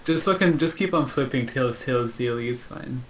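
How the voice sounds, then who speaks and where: A young man chats casually and teases his friend, laughing easily. A clear crowd murmur runs behind his voice. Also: medium pitch, normal speed, rough recording. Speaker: friend joining the stream. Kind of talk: casual chat.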